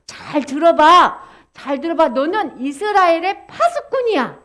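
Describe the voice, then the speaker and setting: A kind, reassuring God figure from a children's Bible story, as a woman storyteller puts him on. He speaks slowly and gently in a very high, animated voice. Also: exaggerated voice.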